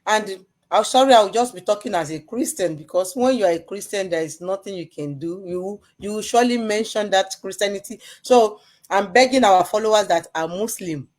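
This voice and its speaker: A woman's voice: mid-range voice, moderate pace, darkish tone. A woman from Nigeria, speaking earnestly and emphatically about her faith on a live show.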